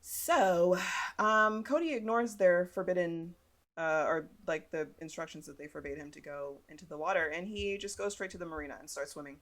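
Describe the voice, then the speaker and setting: A woman's voice: on the low side, moderate pace. A young woman co-hosting a podcast, casually recapping a movie, laughing often and acting out quotes. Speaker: podcast co-host. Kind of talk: casual chat recapping a film.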